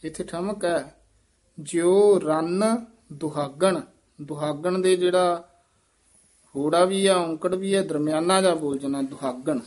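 A man, teaching scripture recitation. He reads each verse slowly, then quickly and quietly explains stresses and pauses. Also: high-pitched, steady tone. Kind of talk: slow recitation lesson with pronunciation notes.

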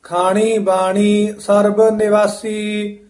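A man reciting as a student in slow, measured chanting, one long held phrase at a time. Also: sits high, little pitch movement, darkish tone, faint music behind.

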